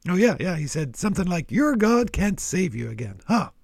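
Guy putting on a squeaky gravelly cartoon cow, friendly and nosy, voice bouncing all over. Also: moderate pace, dry recording, clean studio sound, exaggerated voice. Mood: chatty. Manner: excitable, gushing, bouncy. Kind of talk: puppet-style kids' Bible show banter.

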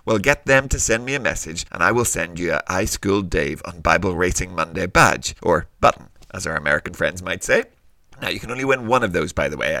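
Animated male kids show host, bright voice. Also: deep voice, no echo. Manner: kids show host addressing children directly. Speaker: host of a children's Bible podcast. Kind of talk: scripted, conversational presenting.

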